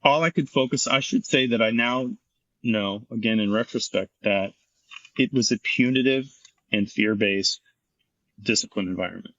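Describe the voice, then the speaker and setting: A man's voice: on the low side, normal speed, fairly bright tone, no echo, muffled recording. A middle-aged man, a former firefighter and paramedic, telling his story frankly and intensely in an interview, swearing freely.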